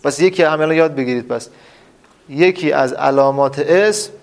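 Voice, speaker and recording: A man's voice: fairly high pitch, creaky. A man teaching a class, quizzing students with repeated questions and drilling terms emphatically. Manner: repetitive quizzing, asks and answers his own questions. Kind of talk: classroom lesson.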